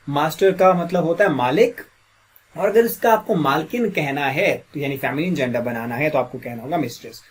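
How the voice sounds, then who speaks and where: A man teaches an English grammar lesson in a husky, slightly raised voice. His throat is a little sore, so he keeps clearing it. He drills the listener with the same question again and again. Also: on the high side.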